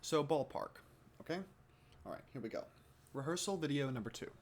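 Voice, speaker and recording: A man's voice: fairly high pitch, fairly quick. A man who teaches theatre, speaking casually to the camera as he explains a rehearsal assignment and reflects on his own progress. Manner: casual, relaxed, many fillers and restarts. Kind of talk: instructional demo and self-reflection.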